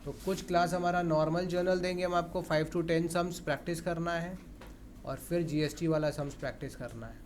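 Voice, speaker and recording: A man's voice: on the high side, steady tone, a little fast, slight background noise. A man teaching an accounts class in Hindi, often questioning and coaxing his students, with terms. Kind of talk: classroom lecture.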